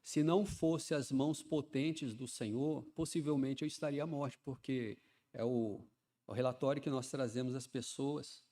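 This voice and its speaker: A man, preaching a sermon in a chatty style that swells into loud, fervent emphasis. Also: mid-range voice, steady tone, moderate pace. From Ceará, Brazil. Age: 50s. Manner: conversational preaching, often adds "né", builds to loud fervent emphasis.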